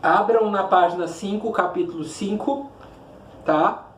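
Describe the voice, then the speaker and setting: High-voiced teacher in echoey room. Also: male voice, measured pace. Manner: didactic, asks and answers his own questions. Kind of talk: online classroom lecture.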